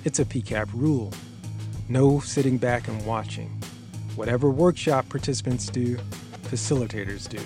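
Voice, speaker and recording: A man narrating a documentary in a measured, scripted, explanatory way. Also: mid-range voice, music in the background.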